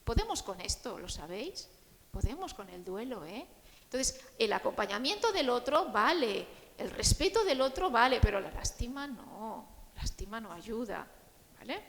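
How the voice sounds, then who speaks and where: A woman's voice: on the high side, big pitch swings, normal speed. A woman grief counselor gives a conversational talk to an audience, often checking in with "¿no?" and acting out the things people say. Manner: warm, conversational, often asks the audience "¿no?" and "¿vale?"; acts out the quoted voices of friends and grieving people. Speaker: grief counselor speaking at a panel. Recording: echoey hall recording.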